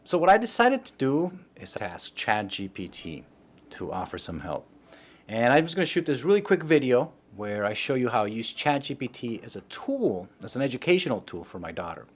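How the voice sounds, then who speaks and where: A man and parent hosting a casual tutorial vlog, chatty and joking with quick asides. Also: mid-range voice, very animated. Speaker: parent and video host.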